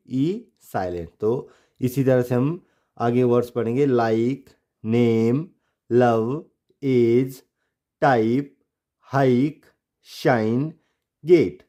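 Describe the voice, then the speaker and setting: Slow, mellow-voiced man teaching pronunciation. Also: mid-range voice. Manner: spells words letter by letter, asks and answers his own questions. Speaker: English teacher. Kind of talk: step-by-step pronunciation lesson.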